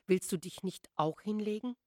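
A woman's voice: mid-range voice, normal speed, no room sound, studio quality, voice pushed up, natural voice. A woman voicing a prim, anxious spinster who speaks with mild disapproval. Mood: relieved. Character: anxious unmarried sister-in-law, prim spinster.

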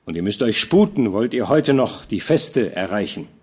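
A seasoned old war commander, voiced by a man reading an audiobook, kind and paternal beneath his authority. He speaks warmly and evenly, lifting his voice with lively pitch as he reassures. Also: moderate pace, slightly rough. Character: veteran male army commander, fatherly and kind.

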